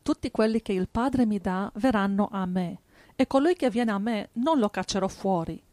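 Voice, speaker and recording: Woman reading bible verses, calm and even, dry close sound. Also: medium pitch, dry recording. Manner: steady, measured reading. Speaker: scripture reader in a church service. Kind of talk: reading Bible passages aloud.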